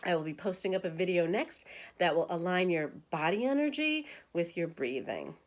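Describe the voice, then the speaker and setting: A woman's voice: fairly low pitch, very animated, moderate pace. Chatty woman coaching breathing exercises. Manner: chatty, guiding with counts and cues. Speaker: meditation instructor. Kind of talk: casual spoken meditation lesson.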